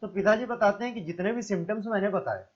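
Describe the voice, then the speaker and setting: A man with a high voice teaches a class. He reads lines from a play and explains each one in simple everyday words. The sound is dull and lo-fi. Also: quick pace. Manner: reads lines aloud, then retells them in plain words. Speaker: Hindi teacher. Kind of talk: reading and explaining a play script.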